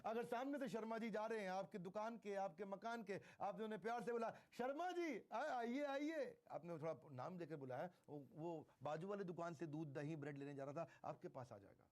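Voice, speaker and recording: Emphatic high-voiced male sales trainer. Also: darkish tone. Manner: emphatic, repeats key phrases slowly, mixes in English. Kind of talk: motivational sales lecture.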